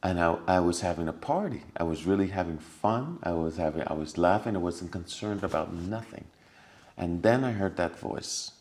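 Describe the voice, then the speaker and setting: This podcast guest has a very deep, low voice and tells a personal anecdote casually at a normal speed. He's expressive, acting scenes out with small sound effects and bursts of laughter, and he sinks into a quiet, hushed tone whenever he repeats remembered lines.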